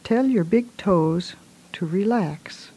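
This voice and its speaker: A woman leads a guided relaxation in a soft, hushed voice, giving gentle, soothing instructions in short phrases. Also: medium pitch, slow, breathy edge.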